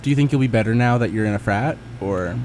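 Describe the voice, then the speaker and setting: A man's voice: lowish voice, fast talker, darkish tone, slight background noise. A young man co-hosting a casual chat with college friends, putting questions to his friend in a dry, teasing way. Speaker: co-host asking questions.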